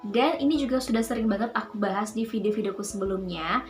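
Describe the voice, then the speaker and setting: A woman's voice: mid-range voice, fast talker, soft background music. A cheerful young woman hosting a casual tutorial on speaking technique, explaining in an upbeat voice. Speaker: voice-over coach and channel host.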